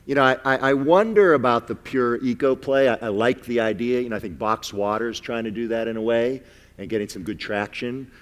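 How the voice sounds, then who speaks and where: A man's voice: medium pitch, brisk. Candid male judge in a reverberant hall. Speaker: competition judge. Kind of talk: off-the-cuff panel critique.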